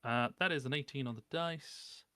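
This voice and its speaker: A man talks through his turn in a tabletop game in a plain, matter-of-fact way, counting his dice out loud. His voice is bright and crisp. It sounds dry and close, with no room around it. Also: mid-range voice, moderate pace, dry recording. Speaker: tabletop player. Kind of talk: casual tabletop game chat.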